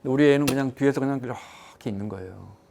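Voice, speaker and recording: A middle-aged man on an economics show panel chats casually, telling personal stories and animatedly acting out quoted voices. His mid-range voice moves fast with some vocal fry, and there is slight background noise.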